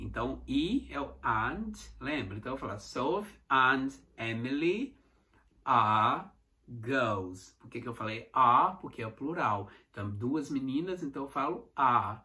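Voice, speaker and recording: Brazilian Portuguese accent, man, bright voice, casual video lesson, patient repetitive teacher. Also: medium pitch. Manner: patient, repeats examples slowly, keeps saying "então". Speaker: English teacher.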